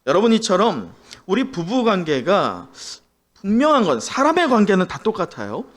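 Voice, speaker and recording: Male pastor, sermon; high, very expressive voice, quizzes the congregation and has them repeat phrases. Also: normal speed. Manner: animated storytelling delivery.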